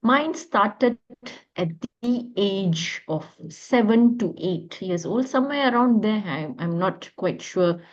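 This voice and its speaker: A woman from Malaysia with a Malaysian accent, an academic guest telling her life story over a remote call in a measured, reflective way. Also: mid-range voice, lively intonation, lo-fi sound.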